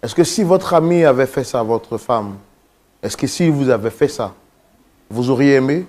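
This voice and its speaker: An actor playing a talk-show host who asks formal, measured questions of his guests. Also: mid-range voice, expressive, a little mellow, lightly acted. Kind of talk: staged talk-show interview.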